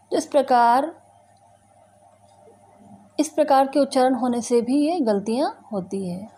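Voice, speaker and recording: A woman teacher with an Indian accent talks through a grammar lesson at a slow, careful pace. Her voice is mellow and sits a little high. She pauses to say each example word on its own, often twice. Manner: slow, deliberate, repeats example words one by one. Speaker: school teacher. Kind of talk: recorded Hindi grammar lesson.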